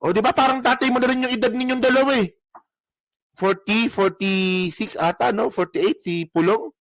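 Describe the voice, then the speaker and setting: A man's voice: sits high, moderate pace, a bit bright, no room sound. A man hosting casual political commentary, reacting to clips in a sarcastic, profane way.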